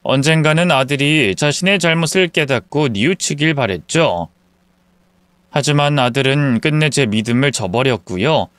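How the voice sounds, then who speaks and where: A man narrating a first-person life story in a calm, earnest, confiding way. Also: medium pitch, moderate pace, clear, resonant tone, no echo.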